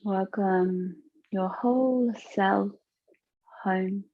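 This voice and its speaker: In a gentle, unhurried yoga nidra session, a woman guides listeners through a soothing relaxation meditation with long pauses. Her voice is mid-range, and the tinny, narrow recording has no room sound.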